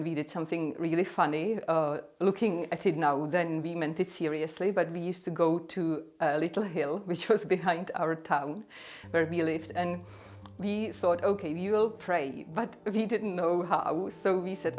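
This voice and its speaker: A woman's voice: fairly low pitch, steady tone, moderate pace, a little mellow. A woman from the Czech Republic, speaking English with a Czech accent, tells her personal testimony in an earnest, conversational way full of "like" and "you know.". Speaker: speaker sharing her faith story.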